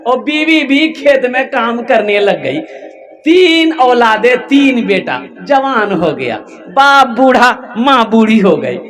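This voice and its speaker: Brief: male preacher from eastern India, high voice, dramatic storytelling sermon. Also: big pitch swings, slow pace, a bit bright, faint music behind. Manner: emphatic, dramatic, repeated exclamations. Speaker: Islamic preacher.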